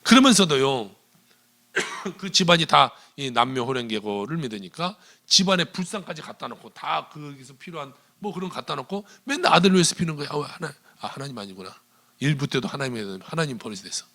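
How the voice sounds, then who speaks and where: A male pastor preaching a sermon in a church, retelling a story with animated delivery and quoted dialogue. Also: a little high, gravelly. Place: church sanctuary.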